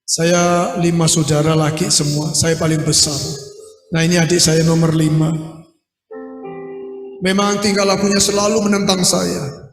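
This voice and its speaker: A man's voice: fairly high pitch, level tone, unhurried, long pauses. A man from Indonesia, giving a personal testimony sermon at a fellowship retreat and telling his story vividly with local slang. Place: indoor retreat hall. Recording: echoey hall from far off, faint music.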